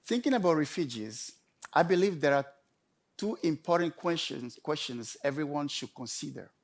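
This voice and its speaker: A man delivering a prepared storytelling talk in measured, emphatic short phrases with pauses. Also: on the high side, lively intonation. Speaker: conference speaker.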